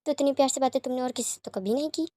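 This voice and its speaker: A curt, protective teenage boy, as a woman narrator reads him in a storybook, firm and brief. The voice is fairly high and quick, with a close, dry sound. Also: mellow, no echo, close to an everyday voice. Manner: short, firm replies.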